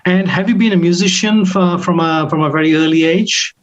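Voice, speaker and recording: A male interviewer on a video call with a higher-than-average voice. He asks his questions hesitantly, stacking "uh" and "um". He keeps the guest talking with a steady stream of quiet murmurs. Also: brisk, highs cut off, a little hiss or hum. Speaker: interviewer, host.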